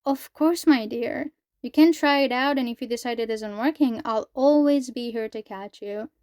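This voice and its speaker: A woman's voice: a little high, normal speed, darkish tone, no echo, clean studio sound, lightly acted. A woman reading the lines of an overly sweet, affectionate mother from a book, with syrupy endearments. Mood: sugary.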